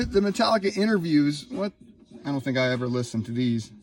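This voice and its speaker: A man in his thirties, from Ohio, filming a casual vlog in his laundry room on a handheld phone, excited and rambling. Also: on the high side, fairly quick. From Ohio, USA. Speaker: YouTuber. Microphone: handheld phone, no tripod.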